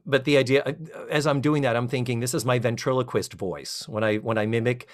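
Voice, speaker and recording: Brisk and medium-pitched, a middle-aged co-host on a casual podcast rambles animatedly through a recap of a TV episode. Along the way, the characters' quotes get acted out.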